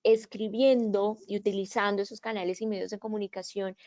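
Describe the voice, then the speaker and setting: A woman's voice: mid-range voice, little pitch movement, brisk, darkish tone. A woman giving a virtual conference talk on leadership, often checking in with her listeners and acting out quoted phrases. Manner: asks frequent "¿sí?" checks, acts out quoted phrases. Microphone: video call. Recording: dull lo-fi online call audio.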